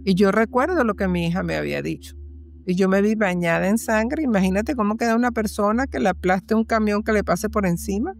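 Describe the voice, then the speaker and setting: A woman's voice: medium pitch, a little fast, gravelly. A woman guest in an interview, telling a personal story earnestly and repeating phrases for emphasis.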